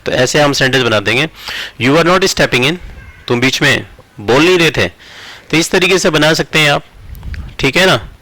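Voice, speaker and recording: Bright male teacher. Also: a little high, animated, no echo, poor audio. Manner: slow word-by-word dictation, repeating phrases. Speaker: English teacher. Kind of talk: explaining grammar while writing examples.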